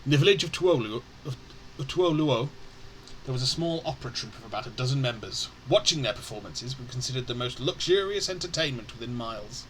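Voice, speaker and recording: A man's voice: mid-range voice, animated, fairly quick, fairly bright tone, a little hiss or hum, rough recording. A man streaming a game, reading its lore aloud, stumbling over words and correcting himself.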